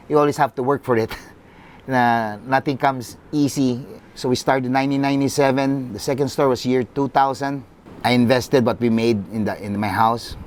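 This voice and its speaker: Middle-aged Filipino-accented club executive, earnest storyteller, even pitch, light noise floor. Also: male voice. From Philippines. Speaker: football club CEO. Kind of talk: personal storytelling.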